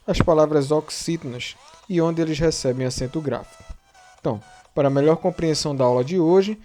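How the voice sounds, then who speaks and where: A man with a Brazilian Portuguese accent teaching a video lesson, repeating key terms and slowing down to spell out syllables. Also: on the high side, darkish tone. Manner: repetitive, slows down to spell out syllables and endings.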